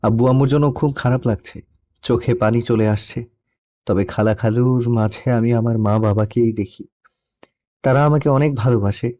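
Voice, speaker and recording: A man's voice: mid-range voice, steady tone, normal speed. Young man narrating a sad love story. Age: young adult. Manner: soft, melancholy storytelling. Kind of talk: scripted first-person story narration.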